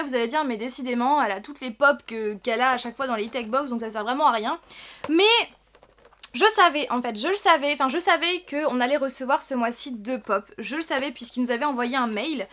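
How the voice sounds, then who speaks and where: A woman's voice: sits high, pushed and bright. A woman talking casually to camera in an unboxing vlog, gushing and chatty, repeating her praise. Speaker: vlogger.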